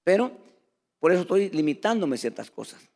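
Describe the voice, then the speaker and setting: Male preacher, gravelly and a bit high, delivering a sermon straight to the congregation. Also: normal speed. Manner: addresses listeners as "hermano", lively preaching.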